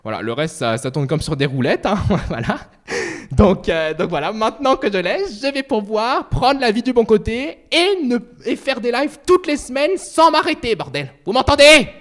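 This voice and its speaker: An excitable man in his twenties hosts a casual livestream chat. His voice sits very high for a man and swings widely up and down. He swears freely and keeps breaking into playful outbursts. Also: normal speed. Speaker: streamer.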